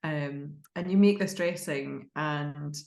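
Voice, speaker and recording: Scottish woman from glasgow, glaswegian accent, low voice, chatting away keenly in an interview, bit echoey. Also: slow pace, creaky. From Glasgow, Scotland. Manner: enthusiastic, expressive, chatty. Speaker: chef, interview guest. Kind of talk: casual conversational interview.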